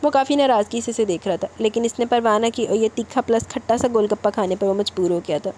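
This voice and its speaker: A woman narrates a romance novel aloud, telling the story with expressive storytelling. Her voice sits on the higher side. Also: a little hiss or hum. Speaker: novel reader.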